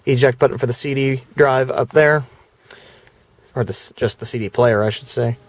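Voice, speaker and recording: Medium-pitched and moderately paced, a man vlogs casually about his car stereo, his speech loose and rambling, full of fillers and false starts. The product walkthrough begins indoors before moving inside his parked car.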